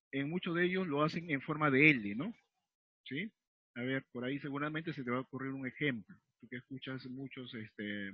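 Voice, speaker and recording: A man's voice: medium pitch, no echo, lo-fi sound. A male secondary school teacher, explaining a recorded lesson patiently and checking in with his students after almost every sentence. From Peru. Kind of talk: recorded remote class lesson.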